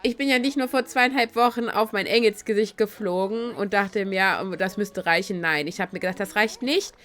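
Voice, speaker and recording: Bright-voiced woman, voice giving out from illness. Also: medium pitch, moderate pace. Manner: animated, breaks into laughter. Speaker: gaming YouTuber. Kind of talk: casual Let's Play chat.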